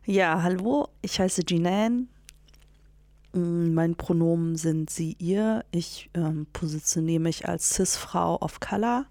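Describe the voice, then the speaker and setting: Female guest, calm matter-of-fact delivery, dry close sound. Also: on the low side, slow pace, no room sound. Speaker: guest, educator.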